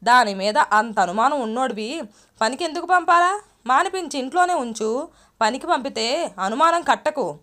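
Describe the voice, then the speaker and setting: A woman's voice: sits high, expressive, normal speed, pitched above the performer's own voice. A woman reading the part of an older village man who angrily scolds his nephew. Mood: scolding. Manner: loud, scolding.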